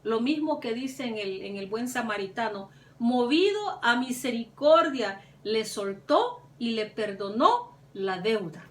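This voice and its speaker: A woman's voice: medium pitch, very animated, a little slow, few pauses. A woman preaching a sermon with fervor, her voice climbing on the words she stresses. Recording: echoey room, mic at a distance.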